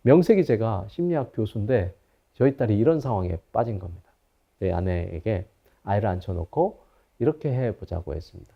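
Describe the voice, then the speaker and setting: A psychology professor in his fifties delivers a recorded lecture. He speaks with a very expressive, wide-ranging pitch and a storyteller's manner. The audio is a little dull and lo-fi. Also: a little fast, creaky. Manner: storytelling lecturer who acts out anecdotes.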